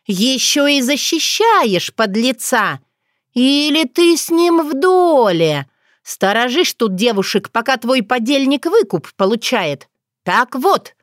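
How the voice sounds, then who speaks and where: A woman's voice: sing-song, takes it slowly, no echo, clean studio sound, full character voice. Woman doing a feisty, hot-tempered young girl. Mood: suspicious. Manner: shrill indignant outbursts.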